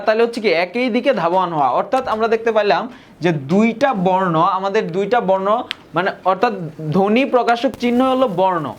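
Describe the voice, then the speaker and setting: A young man from Bangladesh, teaching a grammar lesson and often repeating key points and slowing down on example words. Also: high-pitched. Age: young adult. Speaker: tutor.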